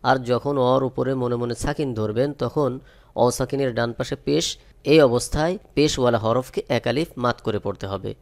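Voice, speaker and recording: A man teaching Quran recitation, spelling out each letter and vowel and then chanting the words slowly and drawn out. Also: medium pitch, a little mellow. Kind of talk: step-by-step recitation lesson.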